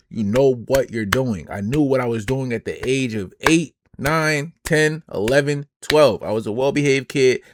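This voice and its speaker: A streamer in his twenties delivers blunt, emphatic reaction commentary packed with slang, often letting his voice fade quieter at the end of phrases. He speaks at medium pitch, with a little hiss or hum in the recording.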